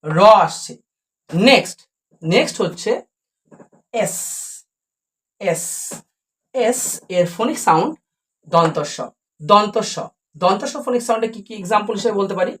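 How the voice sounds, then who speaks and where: A woman's voice: medium pitch, a little hiss or hum. Woman doing a phonics lesson, says each word twice, asks then answers herself. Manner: repeats example words slowly, asks and answers own questions. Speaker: English teacher.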